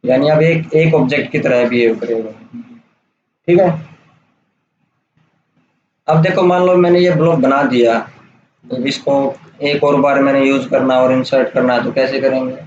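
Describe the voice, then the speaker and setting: Guy explaining software stuff step by step, roomy dull lo-fi sound, bit of hiss. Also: medium pitch, fairly even intonation, moderate pace, pauses often. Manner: casual, explains step by step with "theek hai" checks. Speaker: software tutor. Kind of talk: screen-recorded software tutorial.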